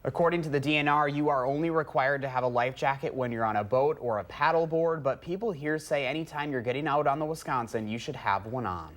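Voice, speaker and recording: A man's voice: medium pitch, fast, hardly any pauses. Male morning news anchor. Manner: punning, jokey in banter. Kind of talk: news reading and banter.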